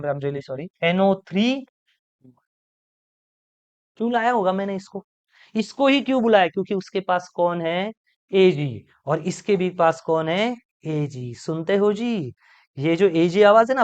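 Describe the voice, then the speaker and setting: A man teaching a chemistry lecture in a playful way, firing quick questions at the class and answering them himself. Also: high voice, dull audio.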